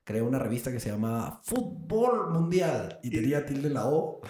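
Guy cracking jokes on a podcast, mid pitch, roomy echo on the mic. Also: quick pace. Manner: animated, joking storyteller. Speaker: podcast co-host. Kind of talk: casual chat.

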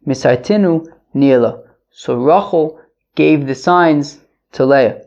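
A man's voice: a little high, slow pace, a little mellow. A man teaching religious texts in an informal, conversational and wry way, reading phrases and translating them line by line, often asking and answering his own questions. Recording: dull, muffled lo-fi sound.

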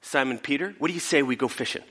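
A preacher doing a breezy, confident teacher. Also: male voice, mid-range voice, fast, pushed and bright, slightly rough, long reverb tail, pitched above the performer's own voice. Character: calm, confident grown male teacher.

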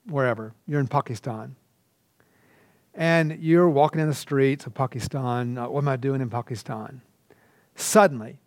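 A middle-aged man from Georgia, teaching a recorded lesson and telling lively stories. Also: a little high, no room sound. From Georgia, USA. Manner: animated storytelling with asides. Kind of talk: recorded lecture.

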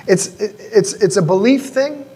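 A man's voice: high-pitched, expressive, measured pace, warm tone, slightly rough. A male pastor preaching a sermon in a church, reading scripture and explaining it in a casual, conversational way. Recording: echoey church hall.

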